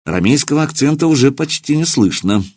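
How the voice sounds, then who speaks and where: A man voicing a shrewd older boyar counselor who speaks in a measured, reasoning way. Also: mid-range voice, animated, darkish tone, slightly rough, no echo, studio quality, voice pushed up.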